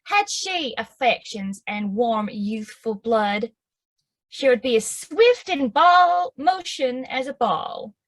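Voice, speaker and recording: A woman's voice: on the high side, expressive, takes it slowly, heavily acted. An actress playing an impatient young girl in love with a Southern US accent, pleading eagerly in verse. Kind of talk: stage acting of verse drama.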